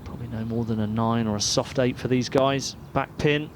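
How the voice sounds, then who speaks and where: A man's voice: mid-range voice, steady tone, brisk. A man giving golf commentary as a tournament commentator. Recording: noisy outdoor ambience behind voice.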